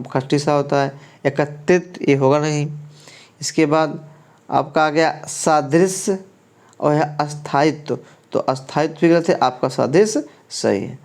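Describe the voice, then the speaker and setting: A male teacher with a slightly high, somewhat mellow voice runs an exam prep lesson, going through quiz questions one at a time. For each, he asks the class for the answer and then gives it.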